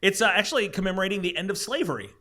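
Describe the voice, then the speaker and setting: Bright-voiced joking podcast host. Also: male voice, high-pitched, animated, racing. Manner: joking, quizzes the group with trivia questions. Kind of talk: casual group chat. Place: live recording with a group of friends.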